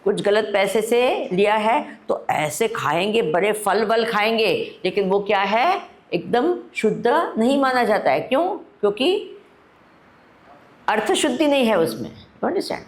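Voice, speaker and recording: A woman spiritual teacher giving a discourse at a spiritual camp, unhurried, often asking her listeners questions and mixing Hindi with English. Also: mid-range voice, sing-song.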